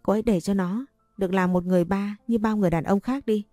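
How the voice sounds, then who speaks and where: A woman's voice: mid-range voice, fairly even intonation, fast, mellow, no room sound, studio quality, faint music behind, close to an everyday voice. A woman voicing a stern, scornful older mother-in-law who scolds and demands in a storybook reading. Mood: pleading.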